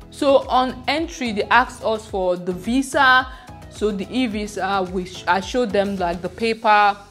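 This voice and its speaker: A woman's voice: mid-range voice, a bit bright. A woman vlogging casually about her trip from a seaside resort, with a chatty, conversational way of talking full of "like" fillers. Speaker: travel vlogger. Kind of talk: casual travel vlog.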